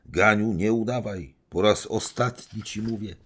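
A man's voice: on the low side, a little slow, a bit bright, voice pushed up. A man reading an audiobook, voicing an imperious, defiant young society woman in a raised, commanding tone.

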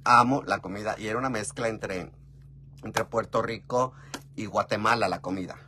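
A man with a Mexican Spanish accent telling a casual, gossipy story, often calling the listener "mi amor", with big jumps in pitch and loudness. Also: moderate pace, slight background noise. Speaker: vlogger.

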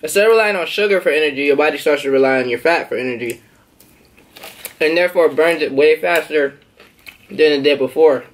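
A young man on an eating show talks through a mouthful of food, his voice sitting a little on the high side. He keeps it laid-back and slangy, speaking straight to his viewers. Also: brisk. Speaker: mukbang host.

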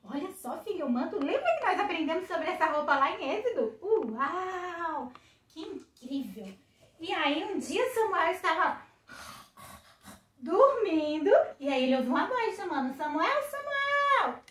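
High-voiced Brazilian mother teaching her child. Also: big pitch swings, a little slow, fairly bright tone, a little hiss or hum. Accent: Brazilian Portuguese. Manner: exclamatory, coaxing and sing-song toward a small child. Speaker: mother teaching a Sunday school lesson. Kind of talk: children's Bible lesson. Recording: echoey room, distant mic.

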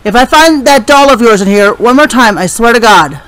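A man's voice: very high-pitched, animated, moderate pace, fairly bright tone, low-quality recording. A man giving casual game commentary, thinking aloud hesitantly and reading notes out. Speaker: video game player.

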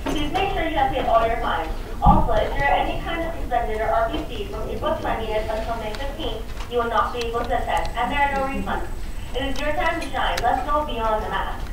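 High woman's voice over a school intercom. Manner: upbeat, sing-song sign-offs. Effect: over a school intercom speaker. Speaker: school announcer. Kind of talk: reading school announcements. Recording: echoey, distant, noisy intercom.

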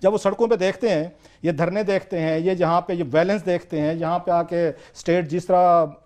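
A man's voice: high voice, steady tone, moderate pace, a little mellow. A man with a Pakistani accent, a political commentator arguing his point on a TV talk show with urgent, repetitive emphasis.

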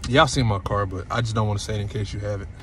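A man's voice: on the low side, very fast. Guy in his 30s vlogging on his phone, loose rambly chat, lots of cussing, noisy outdoor sound. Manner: relaxed, rambling, cussing freely. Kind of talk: casual vlog chat. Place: in a parked car, then outdoors by a lake. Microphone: phone held at arm's length.

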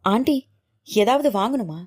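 ஒரு பெண் ஒலிப்புத்தகத்தில் மென்மையாக ஆறுதல் சொல்லும் பாதுகாப்பான இளைஞனுக்குக் குரல் கொடுக்கிறார், சற்று தாழ்ந்த, மெதுவான குரலில். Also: female voice, a little high, animated, unhurried. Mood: gentle. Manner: soft, soothing, coaxing. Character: tender young man, protective and gentle. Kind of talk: audiobook character voicing.

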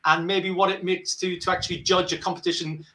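A man's voice: high-pitched, level tone, a little fast, sharp tone. A man hosting a casual show over a video call, jovial and chatty with lots of fillers. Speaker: show host. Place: home room with guitars. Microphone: video call webcam.

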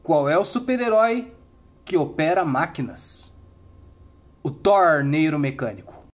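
A young man with a Brazilian accent tells dad jokes, setting up silly riddles and dropping deadpan punchlines. His voice is husky and swings widely in pitch. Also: unhurried. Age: young adult. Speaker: comedy channel host.

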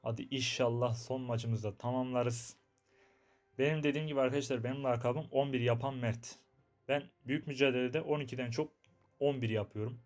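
A young man talks his way through a mobile game match. His commentary is chatty and excitable, and he keeps addressing his viewers while muttering to himself. His voice sits at an ordinary middle pitch for a man. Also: a little fast, soft background music. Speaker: gaming YouTuber. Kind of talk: live gameplay commentary.

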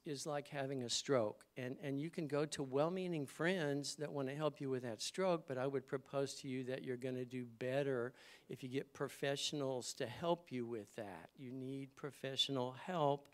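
A middle-aged man giving a church sermon to a congregation in a conversational, storytelling way. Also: mid-range voice. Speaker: guest speaker. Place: church service.

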